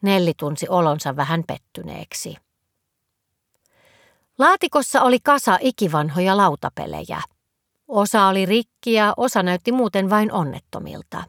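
A woman narrating a children's story in a gentle, expressive reading voice. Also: mid-range voice, no room sound.

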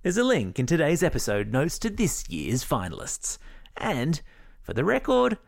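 Lively Australian man reading kids' news. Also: medium pitch, normal speed, dry recording, clean studio sound. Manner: upbeat, playful, jokey asides. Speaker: news podcast host. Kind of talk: scripted kids' news narration.

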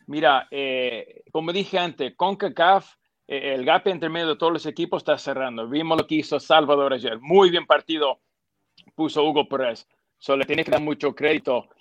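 Man, football pundit, fillers, emphatic, slightly high voice, dry studio sound. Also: moderate pace, no echo, muffled recording. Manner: emphatic, repeats points, mixes English fillers like "so" and "yeah". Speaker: football pundit, former player. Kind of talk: studio sports panel discussion.

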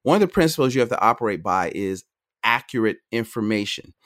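A middle-aged man, a financial advisor guest on a podcast, talking quickly and energetically, often restarting his sentences. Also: fairly low pitch. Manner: energetic, talks fast, jumps between points with restarts. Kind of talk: conversational podcast interview.

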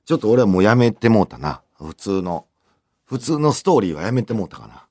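A man's voice: on the low side, big pitch swings, a little fast, a little mellow, dry recording, studio quality. A man with a Kansai accent chatting casually as a podcast co-host, laid-back and teasing. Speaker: comedy duo podcast co-host. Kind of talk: casual chat.

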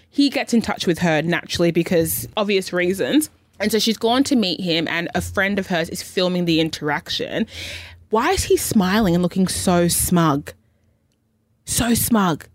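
A woman co-hosting a radio show, telling a story in an animated, gossipy way with bursts of emphasis. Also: lowish voice, moderate pace, no room sound. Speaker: radio co-host. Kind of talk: casual chat, storytelling. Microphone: studio mic.

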